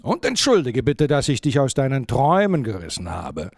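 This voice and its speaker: A man voicing a gentle, courteous snow owl in a storybook reading, soft-spoken and coaxing. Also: mid-range voice, wildly swooping pitch, moderate pace, dry recording, clean studio sound.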